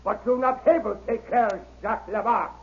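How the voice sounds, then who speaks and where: A brutish, boastful strongman mocks and threatens in broken English. His voice sits high and gravelly. It comes through a dull, lo-fi 1930s radio recording. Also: a little fast. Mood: taunting. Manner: broken English, bullying, loud laughter. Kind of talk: 1930s radio drama acting.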